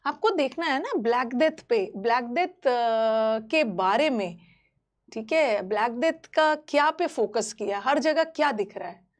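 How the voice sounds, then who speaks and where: A woman's voice: on the high side, lively intonation, measured pace. A woman teaching a live online exam-prep class, explaining terms in a mix of Hindi and English and checking in with students often.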